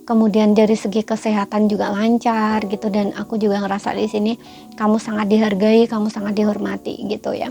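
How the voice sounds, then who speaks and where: A woman giving a tarot reading in a gentle, repetitive, coaxing way, full of fillers. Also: mid-range voice, little pitch movement, a little fast, creaky, faint music behind. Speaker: tarot reader. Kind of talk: casual spoken tarot reading.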